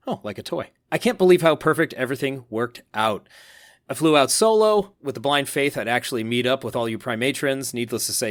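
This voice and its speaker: A man co-hosting a casual podcast, reading listener messages aloud in an upbeat, animated way. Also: mid-range voice, no room sound, studio quality. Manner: upbeat, reads quotes aloud with animated emphasis.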